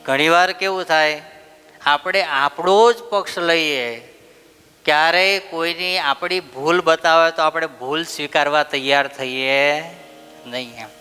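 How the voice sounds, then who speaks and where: A male preacher telling a story in a lively sermon, full of rhetorical questions to the audience. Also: a little high, measured pace, smooth, big-room sound. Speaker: preacher giving a religious discourse.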